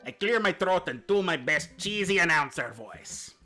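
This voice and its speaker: A man's voice: high-pitched, expressive, normal speed, sharp tone, soft background music. A man reading a dating sim aloud on a stream as the dad, with playful joking asides.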